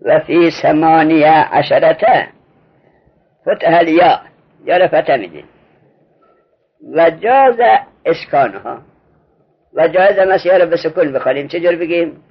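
A man's voice: fairly high pitch, slightly rough. A man teaching an Arabic grammar lesson, patiently drilling a student with repeated questions. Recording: muffled lo-fi recording.

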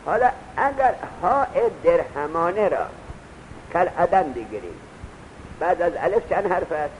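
A man with a slightly high-pitched voice gives a grammar lecture. He goes over each point again, puts questions to his students and tells them to write things down. A faint rumbling noise sits behind him. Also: sing-song, low-quality recording. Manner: repeats points and quizzes the students; urges students to take notes. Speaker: teacher of Arabic grammar. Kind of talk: classroom lecture.

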